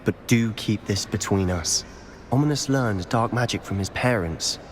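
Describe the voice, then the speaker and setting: An actor playing a secretive, determined teenage wizard in a video game, speaking with hushed, deliberate emphasis. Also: male voice, fairly low pitch, natural voice. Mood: grave, confiding. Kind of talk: video game dialogue acting. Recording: long reverb, noisy background.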